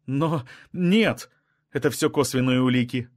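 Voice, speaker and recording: A man's voice: medium pitch, unhurried, no room sound, clean studio sound, voice pushed up, close to an everyday voice. A male reader voicing an anxious, insistent woman scientist who keeps pressing with questions. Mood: shocked.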